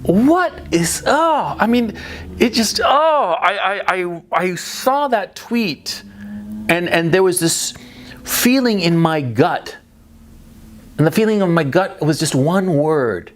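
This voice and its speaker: A political commentator who grew up in Chile and the United States gives a blunt, emphatic opinion monologue, repeating for stress, often restarting, and tagging points with "right?". His high voice has lively intonation, he speaks slowly, and there's a little hiss or hum.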